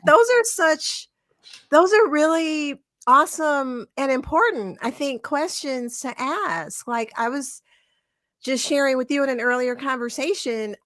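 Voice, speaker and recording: Woman, co-host, casual chat, reflective, laughs a lot, fairly high voice, dry sound. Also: fairly bright tone, no echo. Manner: chatty and reflective, laughs often. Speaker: podcast co-host. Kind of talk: casual conversation.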